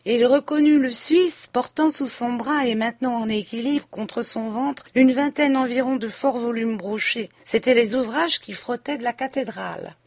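A woman reading a classic novel aloud as an audiobook narrator, in a measured, even storytelling manner. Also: fairly high pitch, no echo. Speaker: audiobook reader. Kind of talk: scripted literary narration.

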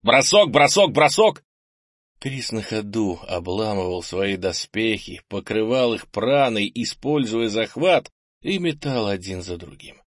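A man narrates an audiobook in a steady, even storytelling voice. His tone is low. The recording is dry and close to the mic. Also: a little slow, dry recording. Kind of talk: scripted narration.

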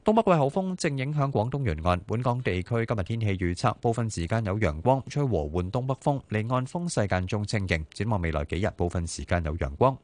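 Brisk Hong Kong radio newsreader, man. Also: on the low side, expressive, a little mellow, slight background noise. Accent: Hong Kong Cantonese. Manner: brisk, formal, precise. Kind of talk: news bulletin read-out. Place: radio studio.

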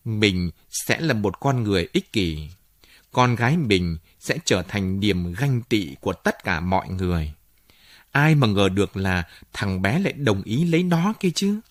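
A man's voice: lowish voice, very animated, measured pace, no room sound, clean studio sound. A man voicing an anxious middle-aged mother who fusses and scolds about appearances. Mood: fretful.

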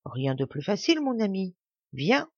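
A woman reading a gentle, pious old man. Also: medium pitch, sing-song, moderate pace, husky, no echo, lo-fi sound. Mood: fatherly.

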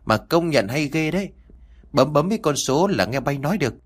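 A worried old country mother who chatters and fusses quickly, as a man reads her in an audiobook. She rambles with warm concern. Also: a little high, expressive, pitched above the performer's own voice. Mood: fussing. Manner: chatty, fussing.

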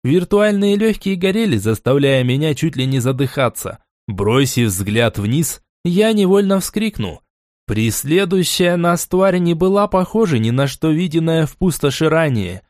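Expressive male fantasy audiobook narrator. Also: a little high, a little slow, no room sound, studio quality. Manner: expressive, dramatic reading.

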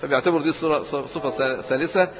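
A man's voice: a little high, fast, slight background noise. A man with an Egyptian accent giving a colloquial religious lesson, explaining step by step and posing questions he then answers himself. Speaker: religious teacher. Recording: reverberant hall, slightly dull lo-fi sound.

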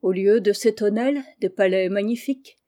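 A woman voicing a worldly male painter in a storybook reading, speaking softly, tenderly and persuasively. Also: medium pitch, normal speed, lightly acted. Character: smooth-talking worldly man, a painter.

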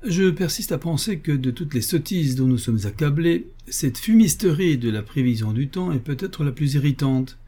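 A man reading a comic novel aloud in a lively, ironic way. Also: a little high, normal speed, few pauses, slightly rough. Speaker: audiobook reader. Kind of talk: expressive audiobook narration.

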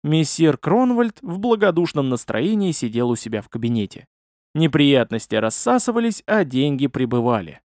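A man narrating a first-person audiobook in an expressive, storytelling manner. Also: a little high, normal speed, dry recording, clean studio sound.

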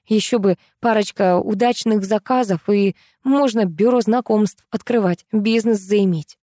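A woman voicing a sharp-tongued, sarcastic young woman in an audiobook. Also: medium pitch, measured pace, no room sound, studio quality, lightly acted. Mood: needling. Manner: needling, sarcastic.

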